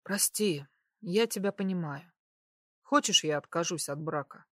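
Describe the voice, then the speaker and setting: A woman narrator lowers her voice to play a young nobleman in an audiobook romance, soft-spoken and coaxing. He murmurs more than he speaks, low and intimate. The recording is dry and close. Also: measured pace, no echo. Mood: tender. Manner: soft, hushed, whispering. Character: young nobleman, tender and persuasive.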